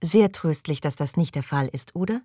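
A man's voice: on the high side, expressive, normal speed, dark tone, no room sound, clean studio sound. A man reading an audiobook, voicing a frail older woman huddled under a blanket who hesitantly seeks reassurance. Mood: relieved.

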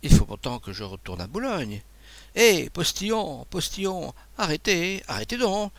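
A man's voice: fairly low pitch, huge pitch swings, a little fast, dark tone, no echo. A man reading aloud voices a kindly, fretful priest who stammers and exclaims anxiously. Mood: flustered. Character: flustered fretful abbé, a kindly male priest.

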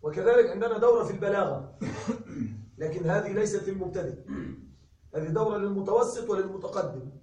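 High-voiced man teaching in an echoey classroom. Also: darkish tone. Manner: slow emphatic dictation of examples, checking understanding. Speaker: Arabic grammar teacher. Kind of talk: classroom lecture. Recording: echoey room recorded from a distance.

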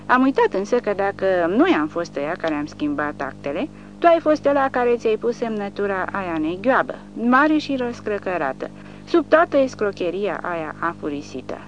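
A woman's voice: mid-range voice, very animated, lightly acted. A woman voicing a sly, mocking male soldier who grins as he taunts. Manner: grinning, mocking. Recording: dull recording with faint hum.

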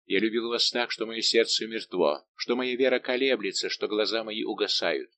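A man's voice: on the low side, moderate pace, bright, forceful tone, a little hiss or hum. Brief: a male narrator voicing a proud heartbroken nobleman, impassioned and grave. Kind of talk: audiobook dialogue reading.

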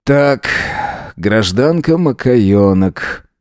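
A stern Soviet police officer speaks in short, dry sentences, as a male reader plays him. His voice is a little lifted above the reader's own tone and stays lively. It is a dry, close audiobook recording. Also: mid-range voice, drawn-out words, no echo. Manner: curt and dry. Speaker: police lieutenant.

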